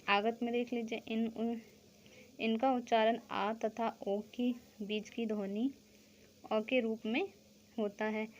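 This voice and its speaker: A woman's voice: on the high side, slight background noise. Woman teaching a grammar class. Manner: explains step by step, asks questions and answers them herself, keeps saying "theek hai". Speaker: school Hindi teacher.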